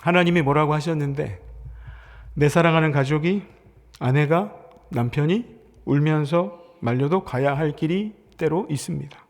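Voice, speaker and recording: Pastor guy preaching, kinda high voice, slows down and whispers for emphasis, big echoey church. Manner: earnest preaching, slowing and dropping to a whisper for emphasis. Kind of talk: sermon. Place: church sanctuary. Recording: long reverb of a church sanctuary.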